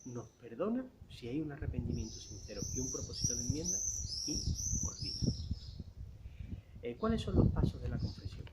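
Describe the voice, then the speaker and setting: A man giving a catechism lesson in a conversational way, explaining with everyday examples and frequent rhetorical questions. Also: medium pitch. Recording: dull lo-fi recording with loud background noise.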